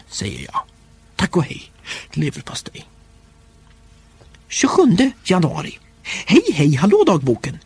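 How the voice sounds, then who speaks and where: A man narrating a comic first-person diary storybook in a playful, expressive way. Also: fairly high pitch, husky. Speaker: audiobook narrator.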